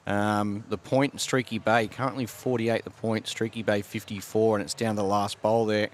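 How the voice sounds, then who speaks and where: A man doing relaxed, conversational live commentary on a sports broadcast. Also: fairly low pitch, normal speed, slight background noise.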